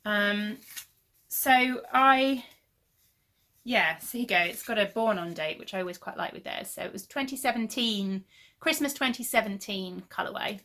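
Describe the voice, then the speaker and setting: Her voice is mid-range, pushed, and bright, and she talks at a normal speed. She's in her thirties, hosting a casual knitting podcast at home, and chats in a rambling way with lots of fillers. She's losing her voice, so it sounds a little worn.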